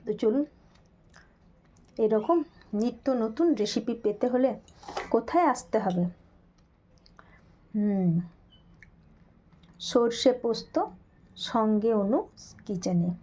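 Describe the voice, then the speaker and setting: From her kitchen, a cooking channel host chats with her audience in a laid-back video. She speaks slowly with long pauses, her voice on the high side and a little mellow, and the recording quality is low.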